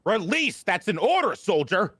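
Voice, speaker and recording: A man's voice: medium pitch, lively intonation, normal speed, no echo, clean studio sound, natural voice. A man reading a stern male commanding officer's lines in an amateur script read-through, clipped and ordering. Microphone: home streaming mic.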